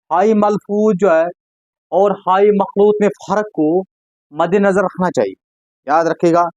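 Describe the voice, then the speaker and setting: A man's voice: fairly high pitch, a little mellow, dry recording, lo-fi sound. A man teaching an exam-prep language lesson, asking questions and answering them himself, with frequent reminders to remember key points. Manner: slow, patient, repeats key points with "yaad rakhiyega". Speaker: Urdu teacher.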